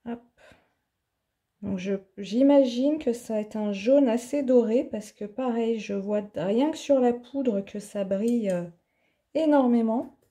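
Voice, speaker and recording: A woman's voice: a little high, measured pace, warm tone. A woman hosting an art tutorial in her home office, chatting casually and thinking aloud with plenty of fillers as she demonstrates.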